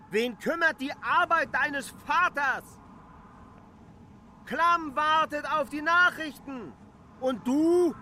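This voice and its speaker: An actor playing K., a stubborn adult land surveyor who reproaches a messenger in a radio drama. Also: male voice, very high voice, bright, forceful tone, a little hiss or hum, heavily acted. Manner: insistent, exasperated, reproachful. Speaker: lead character in a radio play.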